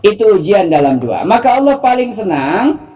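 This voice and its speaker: Young Sundanese man, higher voice, playful preacher who acts out little scenes. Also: big pitch swings, moderate pace, warm tone. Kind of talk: sermon.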